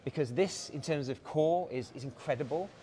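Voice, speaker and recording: At a busy watch showroom event, an English brand director from England walks through a product with enthusiasm and polished salesman patter, dropping frequent "uh" fillers. His voice is a little high and warm, at normal speed, with slight hiss or hum.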